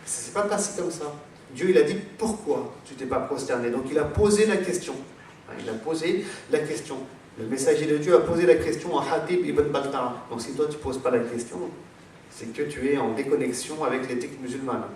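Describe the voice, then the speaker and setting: A man's voice: medium pitch, darkish tone, a little hiss or hum. A French-born man giving a religious lecture in a rambling, digressive way, with many fillers and repeated words. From France. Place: large echoey hall. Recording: echoey hall, voice from far off, faint background ambience.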